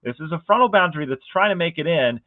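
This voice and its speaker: A man giving a casual, conversational weather forecast, excited about the pattern and often asking viewers rhetorical questions. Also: a little high, fast talker, dry recording. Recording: dry, phone-like narrow band.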